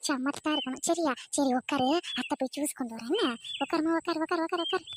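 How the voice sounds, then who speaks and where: Woman as villainous mother-in-law, bossy, fussing, fast, bright high voice. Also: background noise, close to an everyday voice. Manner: bossy, fussing, falsely sweet. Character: scheming villainous mother-in-law, middle-aged. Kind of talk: family comedy skit acting.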